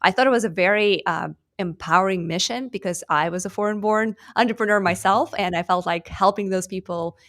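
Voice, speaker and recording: A woman's voice: medium pitch, brisk, few pauses, a bit bright. Chatty Russian-born woman guest. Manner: chatty, fluent with frequent fillers. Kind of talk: online interview.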